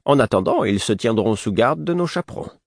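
A man voicing an older male spymaster who speaks in a measured, ironic way, in an audiobook. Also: mid-range voice, animated, vocal fry, no room sound, clean studio sound, voice pushed up. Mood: wry.

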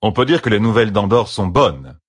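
Man voicing a proud brash warrior, matter-of-fact, raised pitch, dry close mic. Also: very animated, brisk, slightly rough, no room sound. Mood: reporting. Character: Logain, proud dark-haired male warrior.

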